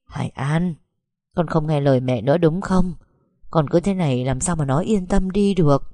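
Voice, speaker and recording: A woman voicing a worried middle-aged mother in an audio story, coaxing and scolding softly. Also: low-pitched, moderate pace, dry recording.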